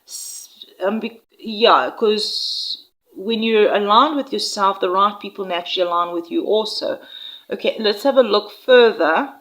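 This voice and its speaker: A woman talks viewers through a tarot spread at an easy pace. Her voice sits in a middle register, and she keeps checking in with "all right?" as she gently reassures them. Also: mid-range voice, rough recording. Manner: unhurried, reassuring, with frequent "um" and "all right?" tags. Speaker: tarot reader. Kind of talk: intuitive tarot reading to viewers.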